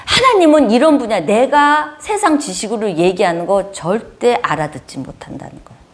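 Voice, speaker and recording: A woman preaching a sermon, telling stories in an animated way with frequent laughter. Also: a little high, normal speed.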